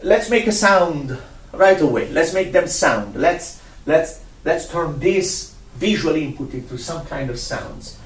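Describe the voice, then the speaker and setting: A man's voice: on the high side, animated, a little slow. A man teaching a one-on-one music lesson, patient, repeating himself and counting out rhythms. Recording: roomy sound from a distant mic.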